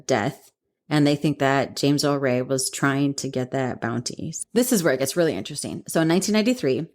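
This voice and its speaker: Low-voiced giggly woman telling a story. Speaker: podcast co-host. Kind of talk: casual chat.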